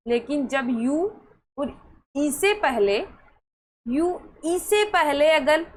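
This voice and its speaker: A woman with a high, fairly bright voice explains English spelling and pronunciation rules to students, repeatedly posing questions and answering them herself. The recording quality is low.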